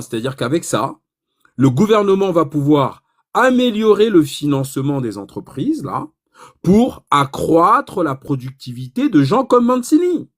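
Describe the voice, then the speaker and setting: A man giving an informal economics lesson, animated and provocative, asking himself rhetorical questions. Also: a little high. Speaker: economics explainer.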